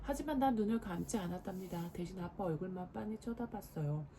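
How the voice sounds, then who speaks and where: A woman in her forties, a mother, reading a storybook aloud to her children at bedtime with lively expression. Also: mid-range voice, a little fast, slight background noise. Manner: expressive, lively character voices. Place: home at bedtime.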